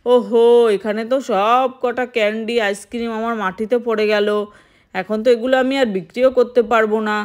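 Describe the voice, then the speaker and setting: Lady doing a talkative ice cream man in a doll story, fussy and exclaiming, high voice. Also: fairly even intonation, a little fast, natural voice. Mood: dismayed. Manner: chatty, scolding, exclaims often. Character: cheerful middle-aged male ice cream seller.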